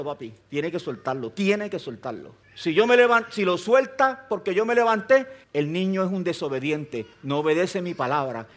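A grandfatherly pastor with a notably high-pitched voice delivers a sermon. He talks to the congregation like a conversation, pressing his points with rhetorical questions and plain emphasis. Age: older.

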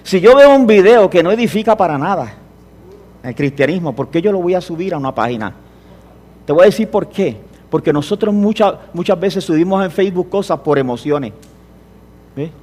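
A man preaching a sermon in an impassioned way, often rising to emphatic, forceful preaching. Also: sits high, lively intonation, moderate pace. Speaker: pastor.

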